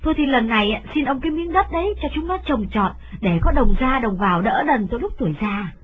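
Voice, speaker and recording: Woman doing a whiny jealous wife, forties, nags and begs, high voice, tinny phone-ish audio w/ soft music. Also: expressive, fast, breathy edge. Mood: complaining. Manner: whiny, complaining, insistent. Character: jealous nagging wife in her forties, pleading.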